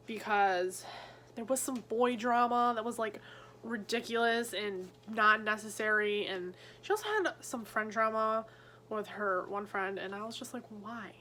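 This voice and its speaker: Lol girl rambling about her monthly reads from her bed, says like constantly, super bright voice. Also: medium pitch, slight background noise. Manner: chatty, heavy use of "like", quick asides. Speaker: book vlogger. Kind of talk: casual book review chat.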